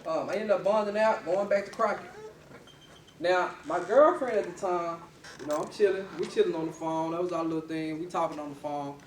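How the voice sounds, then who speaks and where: Young guy telling his story to a class, high lively voice, echoey room, kinda far from the mic. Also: a little fast, a little hiss or hum. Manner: animated storytelling with laughs. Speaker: student speaker. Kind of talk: personal story speech.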